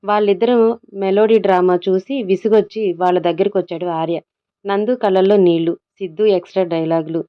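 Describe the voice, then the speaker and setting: Woman reading a love story serial out loud, mid voice, slightly dull audio. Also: mid-range voice, fairly even intonation, a little fast. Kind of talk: scripted audio story narration.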